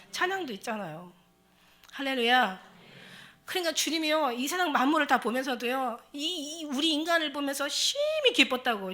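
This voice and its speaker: An older woman pastor preaches in a church with a bright, forceful voice pitched a little high. Her delivery is lively and conversational, full of playful asides and quick laughs. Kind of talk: sermon.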